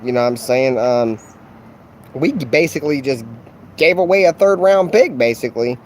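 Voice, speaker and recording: A man with a medium-pitched voice livestreams as a sports fan, talking trash at a moderate pace. He rambles loosely with plenty of fillers, slang and profanity, and there's a little hiss or hum in the audio.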